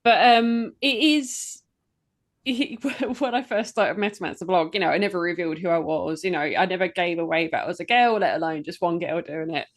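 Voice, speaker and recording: A British woman co-hosting a metal podcast, chatting casually, laughing often and pausing to search for words. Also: on the low side. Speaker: podcast co-host and metal blogger.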